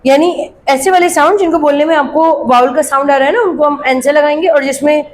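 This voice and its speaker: Reading example sentences from a worksheet slowly and clearly, a high-pitched woman then explains English grammar quickly. She tends to question her students and answer herself. Slight background noise runs through this rough recording.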